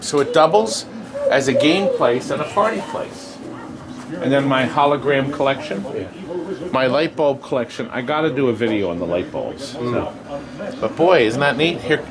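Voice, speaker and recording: A man's voice: mid-range voice, low-quality recording. A man hosting a casual walk-through tour video, chatty and rambling with jokey asides. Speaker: host giving a video tour of his arcade business. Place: indoors in an arcade game warehouse.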